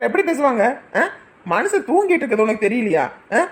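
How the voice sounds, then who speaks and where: A woman voicing a gruff, dismissive young husband in an animated drama. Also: on the high side, brisk. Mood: irritated. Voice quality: grumbling, dismissive.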